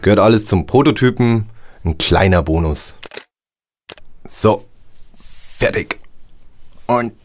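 An actor playing a businesslike, evasive house system technician in a radio drama, speaking in a clipped, officious and slightly hesitant way. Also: male voice, fairly low pitch, slow pace, long pauses, faint music behind.

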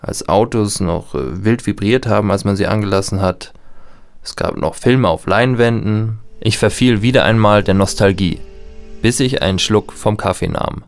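A man's voice: lowish voice, normal speed, vocal fry, clear, resonant tone, faint music behind. A man playing a wary, nostalgic tenant. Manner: reflective when narrating, panicked when shouting. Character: nostalgic male tenant, wary of new tech. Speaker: narrator and lead character. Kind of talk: radio play narration.

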